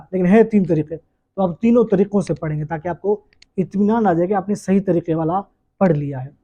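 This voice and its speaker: A man teaching the rules of prayer in a patient lecture, repeating each point and pausing with fillers. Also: on the high side, warm tone. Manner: frequent hesitation fillers. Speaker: religious teacher.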